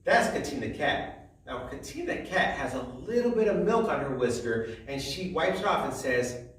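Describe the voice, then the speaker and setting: A man's voice: medium pitch, lively intonation, moderate pace, fairly bright tone, far from the mic. A man teaching young children a phonics lesson in a sing-song voice, drawing out each letter sound. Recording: echoey room, voice from the mic.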